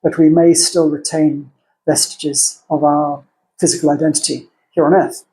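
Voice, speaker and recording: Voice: mid-range voice, little pitch movement, moderate pace, mellow, slight background noise, poor audio. A podcast co-host in a casual theological discussion, thinking aloud in a discursive way and acting out opposing arguments.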